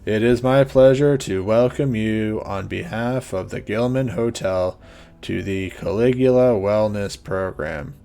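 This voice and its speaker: Man voicing a croaking tour bus driver for a story game, low and bored, slow drawl. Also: warm tone.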